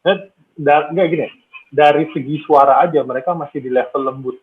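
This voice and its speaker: A man's voice: fairly high pitch, a little fast. A young man co-hosting a podcast who asks questions with many repeats and restarts. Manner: repetitive, stumbling questions. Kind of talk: casual podcast chat. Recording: phone-like line with faint noise.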